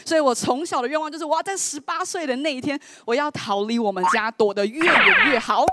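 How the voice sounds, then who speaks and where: A woman, telling a personal story in an animated, exclamatory way. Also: high voice, quick pace, heavy background noise. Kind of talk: lively storytelling. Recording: voice over loud background music. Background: background music.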